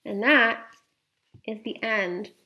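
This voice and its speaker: A woman's voice: a little high, slow pace, sharp tone. A woman closing a children's read-aloud with casual chat. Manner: chatty, loose, with fillers. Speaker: children's book reader.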